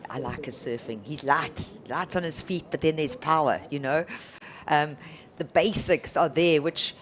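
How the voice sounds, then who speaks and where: Low-voiced woman co-commentating a surf contest. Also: unhurried, noisy background. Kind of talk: conversational sports analysis.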